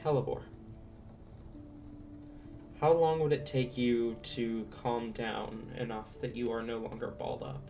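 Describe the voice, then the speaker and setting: A game master improvising narration for a tabletop role-playing game, halting and thinking aloud. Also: mid-range voice, fairly even intonation, vocal fry, warm tone. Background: faint guitar music.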